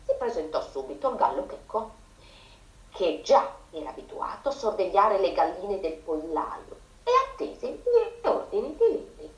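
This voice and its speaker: A teacher, a woman, reading a children's story aloud on radio with a very expressive voice. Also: medium pitch, normal speed, reverberant, poor audio.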